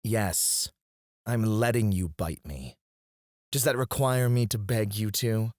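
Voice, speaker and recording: A man acts a cocky, flirty royal alchemist taunting his rival in an intimate ASMR fantasy roleplay. His low voice is slow and a little mellow, teasing and sardonic as he goads with mock politeness in a taunting, daring mood, recorded at studio quality with no room sound.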